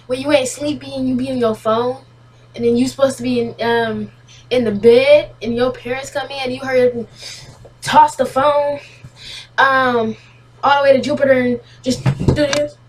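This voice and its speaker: A woman's voice: high voice, distant mic. A woman chatting casually as she reacts to a video, stammering and repeating words, with slangy asides.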